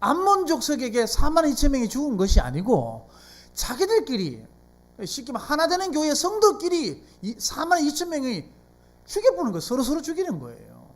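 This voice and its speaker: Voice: high voice, huge pitch swings, fairly quick. A pastor from South Korea with a Gyeongsang accent, preaching a sermon in a church and putting frequent rhetorical questions to the congregation. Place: church sanctuary.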